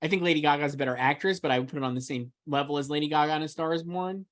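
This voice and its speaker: Racing through his words, a man with a fairly high, somewhat bright voice throws out forceful opinions as co-host of an easygoing film awards conversation, clearly excited.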